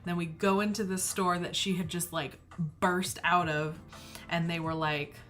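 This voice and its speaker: A woman's voice: lowish voice, steady tone, measured pace, a bit bright, soft background music. A young woman hosting a knitting livestream, telling a family story in a casual, giggly way with lots of filler words.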